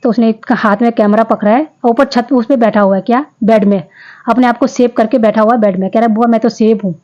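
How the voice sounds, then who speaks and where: A woman's voice: fairly high pitch, steady tone, fast talker, mellow, muffled recording. Chatty woman narrating a home vlog. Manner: chatty, homely, talks to viewers directly. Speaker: vlogger. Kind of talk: casual vlog voice-over narration.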